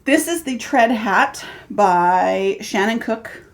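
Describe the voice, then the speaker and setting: A woman's voice: medium pitch, expressive, takes it slowly. Chatty woman on a podcast, easy laugh, ordinary middle voice. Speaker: podcast co-host. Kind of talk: casual chat.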